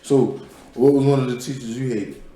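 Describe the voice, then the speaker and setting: A man's voice: medium pitch, fairly even intonation, moderate pace, warm tone, reverberant. A man hosting a podcast, telling loose, profane stories in casual chat. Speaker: podcast host.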